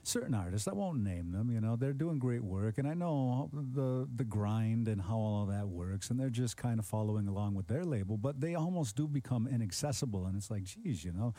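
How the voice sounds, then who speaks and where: A radio show host with a very dark, mellow voice, recorded dry and close. He talks to his guest earnestly and at length, with plenty of fillers. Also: on the low side, animated, fairly quick, hardly any pauses, no echo. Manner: earnest, rambling, many fillers. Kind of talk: casual interview hosting.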